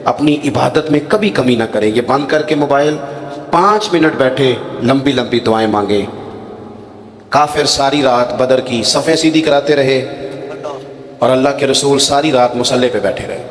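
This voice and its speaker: Preacher in an echoey hall. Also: male voice, medium pitch. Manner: storytelling with dramatic acted quotes. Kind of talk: sermon. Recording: echoey hall with long reverb.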